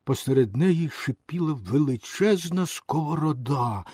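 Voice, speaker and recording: A man reads a fairy tale aloud with lively, expressive storytelling. His voice sits a little high and the recording is dry, with no room sound. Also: measured pace, slightly rough, no room sound. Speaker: narrator. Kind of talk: audiobook narration.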